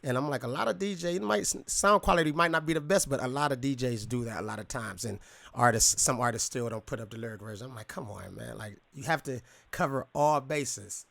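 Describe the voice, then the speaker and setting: A man hosting a podcast, talking in a loose, slangy, excitable way and laughing often. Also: mid-range voice, a little fast, gravelly, dry recording. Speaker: podcast host. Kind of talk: casual interview chat.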